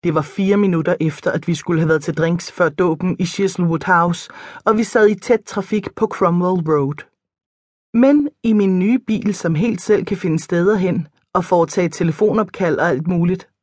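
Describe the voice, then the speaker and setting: A woman narrating a comic novel in first person, in a lively, storytelling manner. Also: fairly low pitch, no room sound. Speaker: audiobook narrator. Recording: dry close studio sound.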